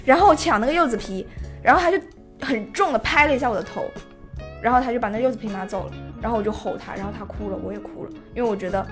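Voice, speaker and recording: Animated young woman telling a story. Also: fairly high pitch, quick pace. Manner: animated storyteller who acts out quoted lines. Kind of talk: casual chat, telling a family story. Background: music playing underneath.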